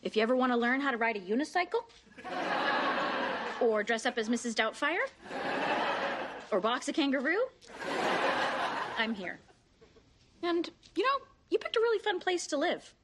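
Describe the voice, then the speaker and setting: A woman's voice: sits high, big pitch swings, moderate pace, pauses often, heavy background noise. An actress playing an offbeat, devoted sitcom woman, earnest and quirkily playful. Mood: tender, playful. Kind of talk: sitcom acting, heartfelt comic speech.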